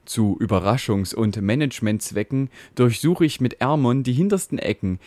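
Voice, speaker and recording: A man's voice: lowish voice, a little mellow, no echo, close to an everyday voice. A man voicing a boastful, fatherly network router in a rhyming comic ballad, reciting in a soothing, self-important way.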